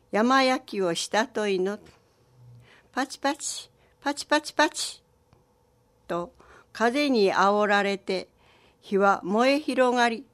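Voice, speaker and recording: A woman narrating a traditional folk tale in a gentle, rural dialect. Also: fairly high pitch.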